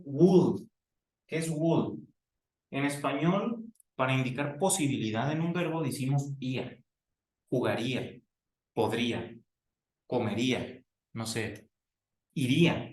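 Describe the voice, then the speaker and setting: A man giving a classroom English grammar lesson, explaining slowly and repeating example sentences. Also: mid-range voice, a little mellow, recorded from a distance. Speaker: English teacher. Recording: roomy echo, voice from off mic.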